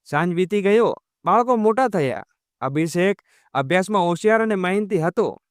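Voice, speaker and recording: A man narrating a moral story in a steady, scripted way, addressing his listeners as friends. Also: high voice, moderate pace, no room sound, studio quality.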